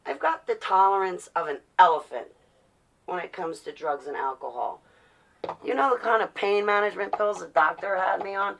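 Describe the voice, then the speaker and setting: Expressive and creaky, this woman's mid-range voice carries a slight brightness over a rough recording at an ordinary pace. She's an American vlogger in her forties from New Jersey, talking bluntly and defiantly in a loose, rambling personal way, tossing out rhetorical questions.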